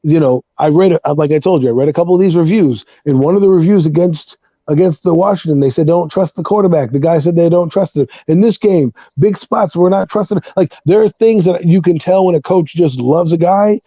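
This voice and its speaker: A man's voice: a little high, fairly quick, dry recording, lo-fi sound. A man hosting a sports talk show, arguing his point emphatically in a heated debate and swearing now and then. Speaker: podcast host.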